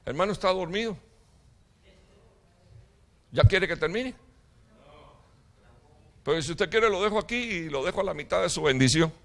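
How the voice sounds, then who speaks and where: Man, pastor, sermon, fairly high voice, impassioned, joking with the congregation. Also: expressive, normal speed, long pauses. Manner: impassioned preaching with sudden loud outbursts; jokes with the congregation. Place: church hall.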